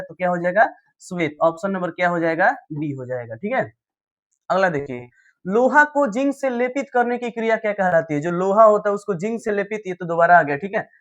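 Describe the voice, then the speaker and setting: High-voiced man rattling through exam answers. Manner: rapid question-and-answer drilling with frequent "ठीक है". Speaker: teacher. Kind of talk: exam revision lesson.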